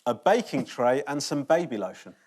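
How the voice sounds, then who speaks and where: A man's voice: medium pitch, very animated, normal speed, noisy background. A man hosting a comedy panel show with dry joking delivery. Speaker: host. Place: TV studio with audience.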